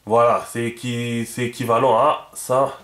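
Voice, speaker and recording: A man's voice: medium pitch, level tone, unhurried, a bit bright, reverberant. A man giving a casual spoken lesson, thinking aloud with many fillers and repeated words, often checking that his listeners follow. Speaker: teacher.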